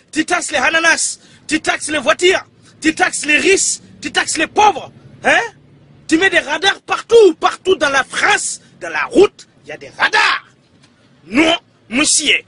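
A man playing a loud, indignant character who shouts complaints and insults at the president in a comedy sketch. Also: fairly high pitch, husky, voice pushed up.

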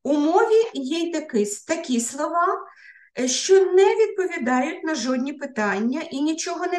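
A woman with a high voice lectures fellow teachers as an education researcher. She pauses often on filler sounds and restarts words mid-way. The recording has a roomy echo around her.

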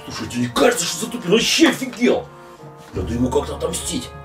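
A man's voice: fairly high pitch, very animated, fast talker, fairly bright tone, far from the mic. In an echoey room, a little away from the mic with faint music behind, a grown man plays a cheeky, lazy schoolboy prankster. His talk is slangy and theatrical, full of playful whining in a comedy sketch style. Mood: sly scheming. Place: small classroom-like room indoors, camera a few meters away.

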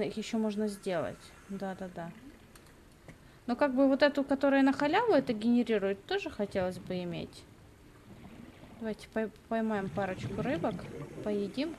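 Playful young woman streamer over game noise. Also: medium pitch. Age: young adult. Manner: playful, self-talking, repeats words. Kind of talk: casual live gaming commentary. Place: indoor room at a computer.

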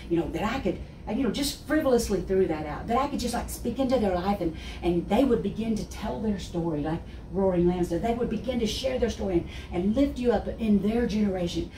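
A Texas woman in her sixties, with a heavy Texan accent and a medium-pitched, fairly quick voice, gives an animated faith testimony as a guest speaker, gesturing constantly and laughing often. She's on a wood-panelled office set with armchairs, and the recording sounds roomy and distant with faint hiss.

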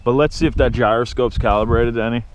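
A man's voice: mid-range voice, fairly even intonation, quick pace, muffled recording. A man casually narrating a drone flight review outdoors in an open field, rambling as he flies. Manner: rambling, talks while flying. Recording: loud wind noise outdoors. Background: loud wind and outdoor noise.

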